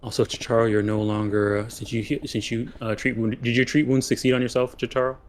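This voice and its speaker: A man improvising narration as game master of a tabletop game, halting and repeating words as he describes things. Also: mid-range voice, little pitch movement, a little hiss or hum.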